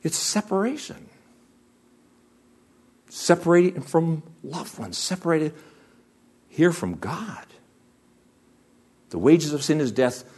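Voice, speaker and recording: A man's voice: on the high side, animated, takes it slowly, pauses often, a little mellow, breathy edge. A man preaching a sermon as pastor, asking the congregation rhetorical questions.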